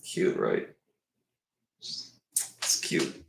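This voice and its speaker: A man in his twenties chats casually and very slowly on a livestream, meandering from topic to topic with self-deprecating remarks. He's far from the mic in an echoey room, with background noise audible.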